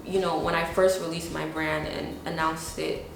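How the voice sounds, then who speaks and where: Echoey, low-voiced young New woman. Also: little pitch movement, normal speed, creaky, background noise. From New York, USA. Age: 20s. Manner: casual, chatty, frequent "like" and "you know". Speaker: young business founder. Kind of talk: documentary interview. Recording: very echoey room.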